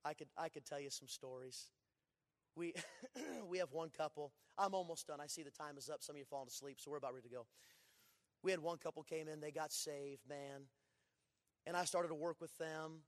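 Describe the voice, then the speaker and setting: High-pitched preacher guy in his 40s, folksy stories, loud then hushed, big church echo. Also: a little fast. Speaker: pastor. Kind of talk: sermon. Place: church sanctuary. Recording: long church reverb.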